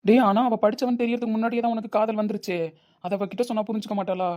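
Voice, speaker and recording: A man's voice: high-pitched, little pitch movement, very fast, darkish tone, lightly acted. A man voicing a young male friend who questions and reassures his friend. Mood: questioning.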